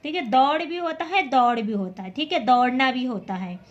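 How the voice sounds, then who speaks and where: A woman teaching a class, reading syllables aloud one by one in a patient, clear drill and quickly correcting her own slips. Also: high-pitched, dull audio. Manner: addresses students as children.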